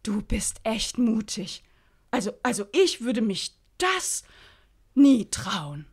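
A woman's voice: on the high side, very animated, takes it slowly, slightly rough, pitched above the performer's own voice, heavily acted. A woman reading the lines of a trendy, gum-chewing young stylist who gushes about clothes. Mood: awed. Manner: breezy, enthusiastic.

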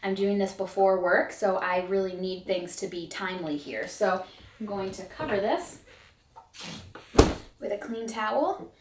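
A woman's voice: mid-range voice, unhurried, a little hiss or hum. Chatty young woman in an echoey kitchen. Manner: chatty, thinking aloud with fillers. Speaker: homestead cooking vlogger. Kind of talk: casual cooking tutorial. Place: home kitchen.

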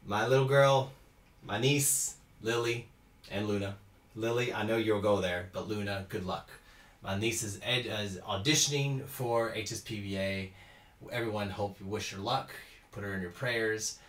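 A Houston, Texas cello teacher in his thirties hosts a casual live-stream Q&A from a small room at home, reading out viewer comments and laughing often. His voice is fairly low and a bit bright, and the room gives a roomy echo.

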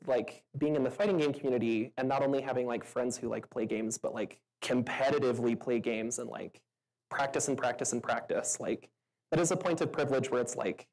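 A meetup speaker stands on a venue stage answering audience questions, her manner chatty, loaded with fillers and punctuated by laughs. She has a very deep, slightly mellow voice, captured in a low-quality recording.

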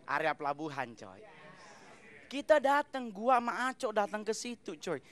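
A man doing stand-up on a TV studio stage into a handheld mic, talking loud and animated in slangy street speech. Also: high-pitched, normal speed. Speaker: stand-up comedian. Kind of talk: stand-up comedy set. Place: TV studio stage with live audience. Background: audience laughter.

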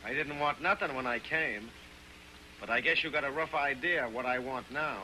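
A cocky, bright-voiced drifter. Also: male voice, mid-range voice, moderate pace, a little hiss or hum, poor audio. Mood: insolent. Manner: cocky, slangy tough talk. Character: cocky, pushy young drifter man, menacing. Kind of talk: early sound film acting.

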